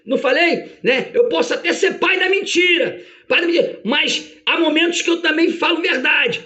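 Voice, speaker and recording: A preacher voicing Satan as a taunting, frantic accuser in a sermon. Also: male voice, moderate pace, highs cut off. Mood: gloating. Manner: taunting, high and shouty.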